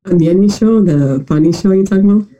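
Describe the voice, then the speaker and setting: This young man talks quickly in a mellow voice that sits high, heard on a rough recording. Still congested and nasal from being sick recently, he hesitantly recounts personal stories as an interview guest, with an accent that sounds like New York American.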